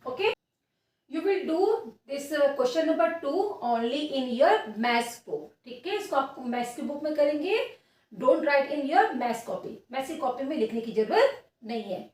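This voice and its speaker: Woman, Indian accent, teacher, patient dictation, high voice, echoey room. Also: expressive, darkish tone, distant mic. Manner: slow, patient, repeating each word for dictation. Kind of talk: online maths lesson for young children.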